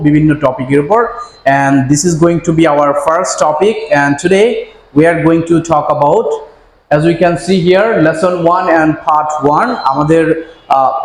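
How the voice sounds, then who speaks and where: Slow, deliberate male teacher. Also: a little high. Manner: slow and deliberate, repeats each letter. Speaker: English teacher. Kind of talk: slow bilingual lesson, drilling letter names. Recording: echoey room with faint ambient noise.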